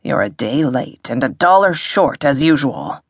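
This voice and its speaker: A woman voicing a fierce male cat shifter who growls slow, deliberate warnings in a husky voice. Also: rumbling low, expressive, dry recording, clean studio sound, heavily acted. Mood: contemptuous.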